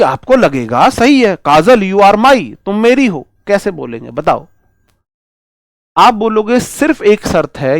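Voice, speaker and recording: A male teacher lectures on English grammar, stretching out his examples and quizzing his students along the way. His voice sits a little high and he talks at a slow, deliberate pace. The sound is dry and close, with almost no room echo. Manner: drawn-out slow examples, rhetorical questions to students. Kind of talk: classroom lecture in Hindi on exam English.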